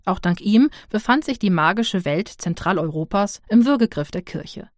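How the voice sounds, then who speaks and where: A woman reads a fantasy audiobook in even, measured narration. Her voice is mid-pitched and the recording is dry and close, with no room sound. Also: no room sound. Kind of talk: scripted narration.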